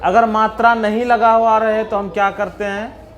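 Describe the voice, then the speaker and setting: A man with a Bihari Hindi accent patiently spells out letters and sounds one at a time for young children in a slow classroom explanation. His voice is high-pitched with a level tone and normal speed. The recording is muffled, with a noisy background.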